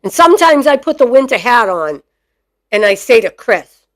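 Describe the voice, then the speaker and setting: A woman's voice: fairly high pitch, normal speed. A woman in her fifties with a Boston accent, chatting and joking to camera about her life as a dog breeder. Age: 50s. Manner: chatty, joking, animated storyteller. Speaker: dog breeder and channel host. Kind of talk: casual chat to camera.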